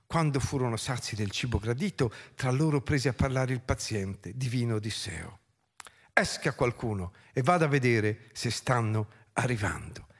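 A man on a theatre stage reciting an epic poem aloud and explaining it, with expressive reading. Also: moderate pace, breathy edge. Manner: expressive reciting with lively swings in pitch. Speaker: reader and storyteller.

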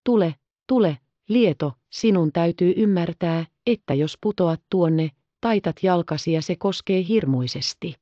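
A woman voicing an excitable, tender-hearted little orphan girl in an audiobook, exclaiming and pleading. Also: fairly low pitch, few pauses, no room sound, dull audio, close to an everyday voice. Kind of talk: audiobook character reading.

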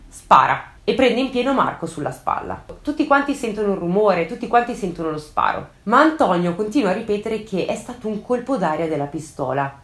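A woman narrating a true-crime case in a dramatic, suspenseful way, adding her own comments, recorded in an echoey room. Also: lowish voice.

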